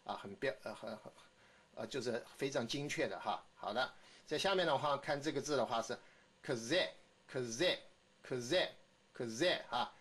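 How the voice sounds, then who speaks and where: Male phonics teacher, mid-pitched, repeats words slowly in drills, "ha" tag on phrases. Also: fairly bright tone, slightly rough. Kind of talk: recorded phonics lesson.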